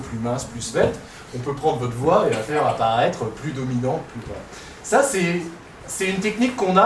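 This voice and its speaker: A man, a researcher, explains voice experiments at a public science talk in a casual, explanatory way, sometimes showing things with his own voice. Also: on the high side. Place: conference hall. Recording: echoey hall, distant mic, faint noise.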